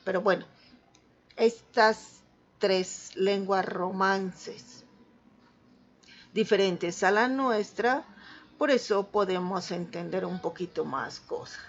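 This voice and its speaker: A woman's voice: mid-range voice, slow pace, pauses often, muffled recording. A woman teacher with a Mexican accent giving an online class lecture, patiently checking understanding as she goes. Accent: Mexican Spanish.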